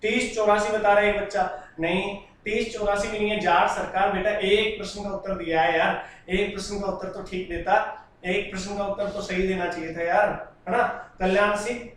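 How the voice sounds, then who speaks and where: A man's voice: high-pitched, fairly even intonation, moderate pace, fairly bright tone, distant mic, a little hiss or hum. A man teaching a live online class, answering students' comments in a chatty, fatherly way. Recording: very echoey room, voice from away from the mic.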